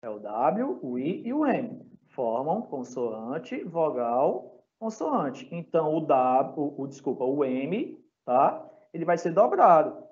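A Brazilian man teaches an English grammar lesson at a very slow, deliberate pace, his voice sitting a little high for a man. He spells out letters one by one and keeps checking that his students are following. The recording is dull and lo-fi. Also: big pitch swings, a little mellow. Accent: Brazilian Portuguese. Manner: patient, checks in constantly with "tá?" and "certo?". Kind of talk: recorded online class lesson. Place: classroom or home for a live online class.

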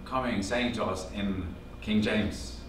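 A Norwegian man in his fifties, speaking slowly in a fairly low voice, animatedly tells a small audience a personal story, quoting family conversations and gesturing as he goes. He's in a classroom-sized meeting room with a projector screen. A distant camera with no visible mic picks him up, so the sound is echoey with a background hum.

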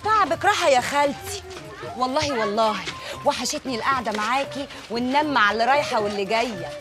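An actress with an Egyptian accent playing a flattering young neighbour woman who sweet-talks an older lady. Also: high-pitched, fast. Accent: Egyptian Arabic. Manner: sweet-talking, ingratiating.

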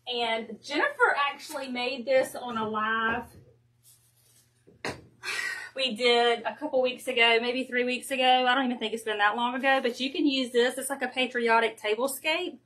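A woman with a Southern Georgia accent hosting a casual wreath-making livestream, chatty and gushing, quick to laugh, speaking into a phone at home. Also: fairly high pitch, steady tone, fairly bright tone, slight background noise.

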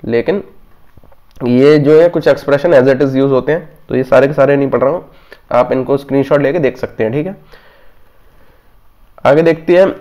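A man's voice: mid-range voice, normal speed, long pauses, dark tone, muffled recording. A man teaching exam grammar rules, explaining step by step and often checking in with listeners. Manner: explanatory, repeats "theek hai" as a check-in. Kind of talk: exam grammar lesson in Hindi-English mix.

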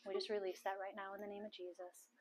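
Woman, middle-aged, minister, soft coaxing prayer, repeated phrases, middle pitch, living room, far camera. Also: little pitch movement, fast. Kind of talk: prayer ministry at a house meeting. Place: large living room full of people.

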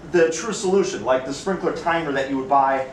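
An instructor with an Upper Midwest American accent teaches a classroom lecture in a chatty, casual way, often asking the class questions. His medium-pitched voice is brisk, picked up from far off in an echoey classroom with slight background noise.

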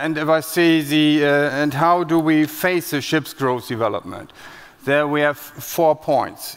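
A man's voice: on the high side, a bit bright, smooth. A man in his fifties with a German accent gives a conference presentation from a large stage, talking plainly with frequent hesitations and restarts. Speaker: conference speaker. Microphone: headset. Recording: long hall reverb.

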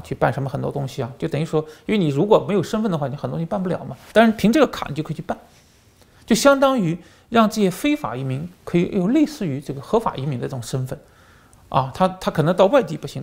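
This channel host, once a journalist, tells stories animatedly in a political commentary monologue. His voice is on the high side, creaky and a little mellow, and his speech is full of fillers and repetitions.

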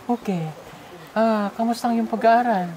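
Chatting casually at a family's home while visiting the child she sponsors, a vlogger asks plenty of questions, coaxing and teasing as she goes. She speaks at a moderate pace with fairly even intonation, and her voice is a little high and a little mellow. A little hiss or hum can be heard.

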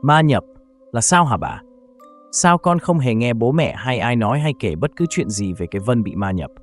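A man's voice: medium pitch, animated, fast talker, soft background music, close to an everyday voice. Man voicing a curious young grandson.

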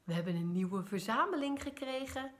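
A woman's voice: fairly high pitch, expressive, moderate pace, a bit bright, voice pushed up. A woman voicing a proud, keen little boy in a children's story.

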